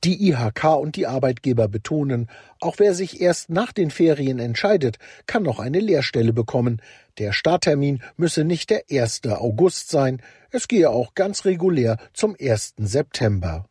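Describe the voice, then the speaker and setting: A man's voice: medium pitch, sing-song, normal speed, darkish tone, slightly rough, no echo, studio quality. A man reading a scripted radio news report.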